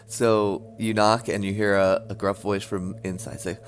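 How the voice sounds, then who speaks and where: A man's voice: on the low side, level tone, unhurried, smooth, dry recording. A man running a tabletop game as game master, narrating casually in a hesitant, easygoing way.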